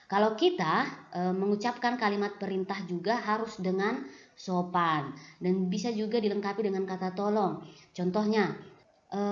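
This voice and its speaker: A primary school teacher talking patiently to her pupils in a recorded lesson, repeating her phrases. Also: medium pitch. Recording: roomy, dull lo-fi sound.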